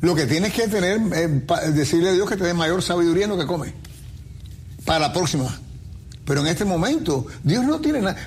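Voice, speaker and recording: Preaching man, slightly higher voice. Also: animated, a little fast, slight background noise. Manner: preachy, uses everyday comparisons. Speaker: pastor co-host. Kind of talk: faith talk show answering questions.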